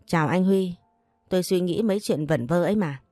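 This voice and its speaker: A woman's voice: lowish voice, brisk, dark tone, no room sound, studio quality, faint music behind, close to an everyday voice. A woman voicing a spoiled, sneering young sister-in-law. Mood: coy. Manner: mocking and boastful.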